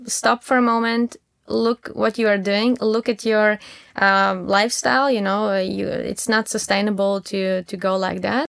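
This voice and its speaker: Latvian accent woman founder in an interview, gravelly but smooth voice, stumbles and restarts a lot. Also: medium pitch, steady tone, fairly bright tone, dry recording, clean studio sound. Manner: halting, many repeated words and fillers, laughs often. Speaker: startup founder, guest. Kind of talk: casual interview answers.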